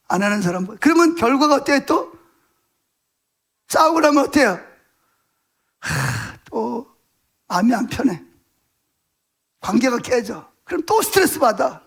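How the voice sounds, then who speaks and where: A male pastor delivers a Sunday sermon in a strikingly high voice with a rough, gravelly edge. He talks plainly and emphatically, repeating words for stress. He keeps asking his listeners questions. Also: fairly bright tone. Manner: emphatic, asks the congregation rhetorical questions.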